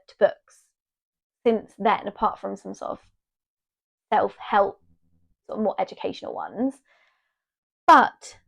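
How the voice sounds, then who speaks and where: A woman's voice: fairly high pitch, gravelly, highs cut off. A young woman chatting casually to her camera as a vlogger, rambling and restarting her sentences. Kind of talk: casual chat. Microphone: small mic on her.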